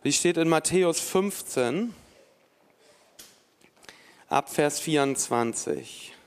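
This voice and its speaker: A man's voice: fairly high pitch, animated, slow, clear, resonant tone, long reverb tail. A man preaching a sermon from a church stage, talking casually with many fillers and restarts and reading a scripture passage aloud. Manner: conversational, with frequent fillers and restarts.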